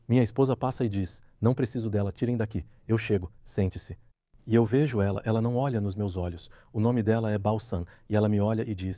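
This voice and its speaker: A man speaks as an interview guest, telling his personal story in a low, mellow voice. He slips into the lines of the people in the story as he retells them. The sound is close and dry, with no room around it. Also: no room sound. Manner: vivid retelling, acting out quoted dialogue.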